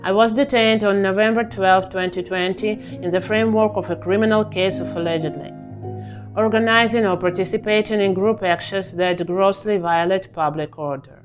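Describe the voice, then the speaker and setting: A woman in her twenties, a youth activist, speaking calmly about herself, with soft guitar behind. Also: medium pitch, moderate pace. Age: 20s.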